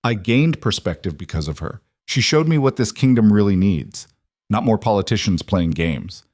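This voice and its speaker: A man doing a stern werewolf king, grim and protective, measured and low, in a close, dry storytelling read with no room sound. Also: animated, a little mellow, no room sound. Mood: earnest.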